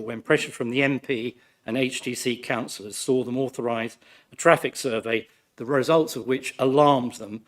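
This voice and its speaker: Croaky Englishman giving a formal speech. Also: mid-range voice. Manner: measured, formal, critical. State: croaky, recovering from flu. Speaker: ward councillor addressing a planning committee. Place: council meeting room.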